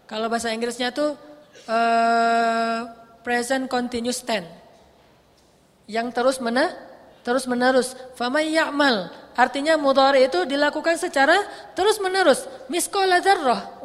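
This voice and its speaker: A man's voice: very high-pitched, a bit bright. A male preacher with a lilt giving a casual evening sermon, playful and acting out little dialogues. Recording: long hall reverb.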